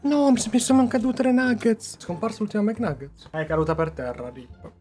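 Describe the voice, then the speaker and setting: Young Italian male streamer, bright high voice, chatty and excitable, over faint music. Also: brisk. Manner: animated, chatty, addresses viewers as "ragazzi". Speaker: gaming YouTuber. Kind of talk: excited gameplay commentary. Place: home gaming room.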